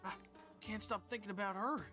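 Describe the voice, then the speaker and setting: A woman's voice: mid-range voice, fairly quick, over music, close to an everyday voice. A woman doing a bashful deer guy. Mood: flustered. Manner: folksy, bashful and flustered. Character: big-hearted lovesick deer man, simple and rustic. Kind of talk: voice acting while reading a visual novel on stream.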